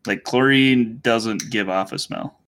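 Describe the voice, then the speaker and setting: A man's voice: mid-range voice, takes it slowly, a bit bright. A man co-hosting a casual podcast, rambling and hesitant, with lots of fillers and restarts. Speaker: podcast co-host. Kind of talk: casual chat.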